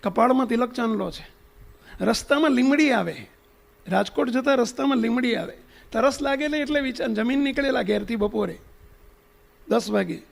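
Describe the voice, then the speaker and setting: A man's voice: very high voice, moderate pace, gravelly, pauses often. A man preaching to an assembly, telling a story and putting questions straight to his listeners. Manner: questions the audience directly.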